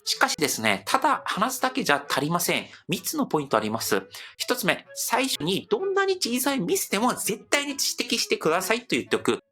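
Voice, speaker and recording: A man from Seoul with a Korean accent, a native Korean speaker, hosting a language-learning video and explaining with demonstrative examples. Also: high voice. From Seoul, South Korea. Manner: lively, animated delivery with demonstrative examples. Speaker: host.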